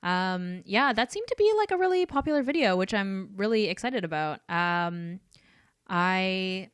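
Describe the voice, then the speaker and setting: A young woman from Canada hosting an art livestream, chatting casually and reading viewer comments in a soft voice, with many ums and light laughs. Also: medium pitch, animated, a little slow, clean tone, no room sound, clean studio sound.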